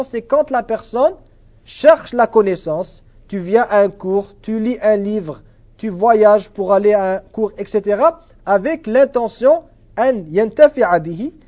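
A man's voice: sits high, mellow. A man teaching a religious class and answering questions, earnest and repetitive, sprinkling Arabic phrases into his French. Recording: dull lo-fi sound.

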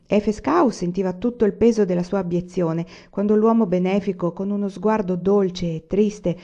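A woman reading a literary novel aloud as an audiobook, measured and expressive. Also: fairly low pitch, lo-fi sound. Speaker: audiobook reader.

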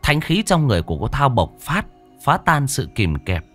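A man's voice: medium pitch, big pitch swings, moderate pace, fairly bright tone, faint music behind. A man narrating a horror story in a dramatic, suspenseful storytelling voice.

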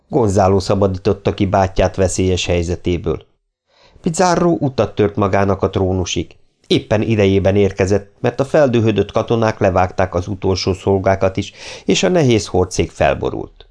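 A man narrating an audiobook in a steady, measured reading voice. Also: low voice. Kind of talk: scripted narration.

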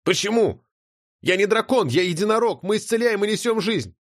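A fiery young unicorn girl, played by a man reading an audiobook, her pitch pushed well up above his usual voice. She bursts out in short, indignant exclamations with wide, jumpy swings. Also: animated, normal speed. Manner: raised, strained falsetto-like pitch, exclamatory. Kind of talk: audiobook character voice.

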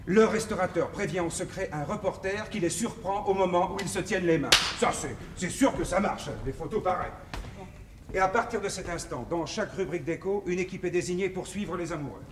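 A man playing an excitable, self-important publicist in a 1960s French comedy film, declaiming with theatrical exasperation. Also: sits high. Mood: dictating grandly. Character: excitable, scheming, self-important male show-business publicist. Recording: echoey, noisy old film soundtrack, distant.

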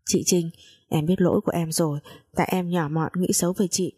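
Woman reading as a weeping young maid, pleading, low husky voice. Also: steady tone, brisk, dark tone. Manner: begging, tearful.

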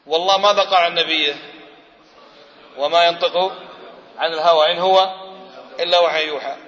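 A man's voice: on the high side, steady tone, fairly quick, bright, forceful tone. A man giving a religious lecture, emphatic, often asking the audience questions and answering them himself. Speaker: Islamic preacher. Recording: muffled lecture hall recording with long reverb.

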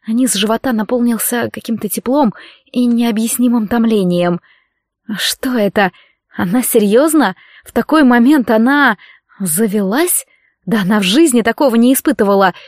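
Woman reading an audiobook, expressive, bone dry close sound. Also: fairly high pitch, moderate pace, no room sound. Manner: expressive storytelling. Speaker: audiobook narrator. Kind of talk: scripted romance audiobook narration.

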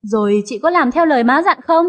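A woman voicing a shrewd, gentle youngest daughter who speaks calmly and probes. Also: high-pitched, brisk. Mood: probing. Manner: calm, probing.

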